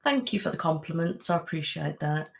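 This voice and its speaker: Deep, animated and creaky, this young woman's voice moves briskly as she hosts a casual ASMR live-stream chat. She's chatty, greeting and thanking viewers by name, peppering her talk with "um" and "literally," and explaining how tired she is from her house move.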